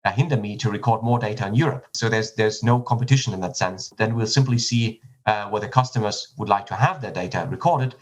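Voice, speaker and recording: A man's voice: on the low side, a little fast, hardly any pauses, poor audio. A man from Germany with a German accent, a startup CEO answering podcast interview questions in a technical, explanatory way with frequent restarts and fillers.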